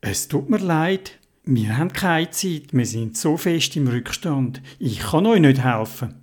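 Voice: medium pitch, expressive, a little slow, husky. A storyteller voicing an apologetic busy worker. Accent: Swiss German. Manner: quiet and apologetic.

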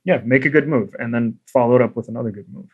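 Man, medium pitch, podcast host, reflective, probing questions, coaching tone. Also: fast, breathy edge, narrow, tinny audio. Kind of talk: casual conversation.

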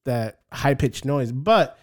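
A man's voice: medium pitch, expressive, slow pace, a little mellow. A man in casual chat who tells stories eagerly, trailing off into fillers.

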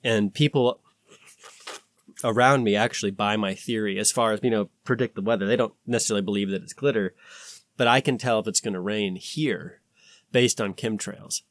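A man's voice: fairly low pitch, normal speed, dry recording, clean studio sound. A man talking casually as a podcast host, rambling and swearing, with an insistent, conspiratorial warning tone as he acts out imagined exchanges.

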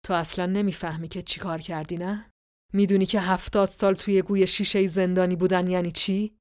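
A woman voicing Morpheus, a raspy cold dream king. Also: on the low side, little pitch movement, dry recording, clean studio sound, natural voice. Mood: scornful. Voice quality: raspy, ringing voice. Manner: cold, scornful, measured. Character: Morpheus, ancient vengeful male dream king.

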